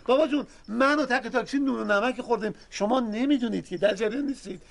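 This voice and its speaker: A man's voice: extremely high pitch, vocal fry. An actor playing a nosy, suspicious older man who bluntly accuses a young man of lying. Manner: bossy, accusing. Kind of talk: TV comedy drama acting.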